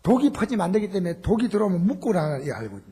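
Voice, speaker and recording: Animated, very clear pastor preaching. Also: male voice, high-pitched, very fast. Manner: animated storytelling, acting out shouted quotes. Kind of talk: sermon with personal story. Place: church sanctuary.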